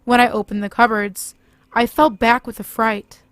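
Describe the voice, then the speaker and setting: Casting: female horror narrator, fairly high voice, dry close sound. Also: level tone, moderate pace, no echo.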